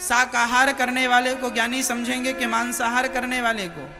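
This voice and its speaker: A man's voice: very high voice, steady tone, normal speed, music in the background. A man from India preaching plainly, questioning his listeners. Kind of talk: sermon.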